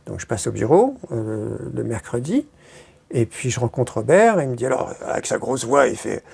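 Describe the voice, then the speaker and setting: Gravelly, rambling woman telling stories. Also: rumbling low, very animated, normal speed, dark tone. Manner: rambling, many hesitations, crude slang. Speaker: interviewee. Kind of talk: casual storytelling.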